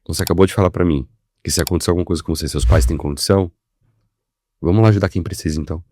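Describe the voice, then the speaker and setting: A man with a very deep voice speaks as a podcast guest. He builds a persuasive story and voices both sides of a conversation. The studio sound is dry and close. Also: rapid-fire, darkish tone, no echo. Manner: persuasive storytelling with acted-out dialogue.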